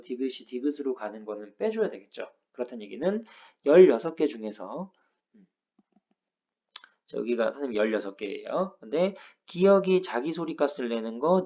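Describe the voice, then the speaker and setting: Patient male teacher, dark mellow voice. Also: medium pitch, muffled recording. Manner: patient step-by-step explaining, frequent "ja" prompts. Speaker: Korean language teacher. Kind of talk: lecture explaining grammar rules.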